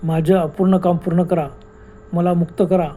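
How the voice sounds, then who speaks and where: Man voicing a slow, pleading buried ghost. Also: high voice, little pitch movement, warm tone. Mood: haunting. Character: moaning restless ghost of a man buried alive.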